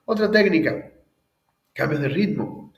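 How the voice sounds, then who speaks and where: A man's voice: on the high side, measured pace, reverberant, distant mic. A man teaching public speaking techniques in a recorded lecture, often checking in with the audience. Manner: frequent checks like "¿bien?" and "¿sí?", lively emphasis.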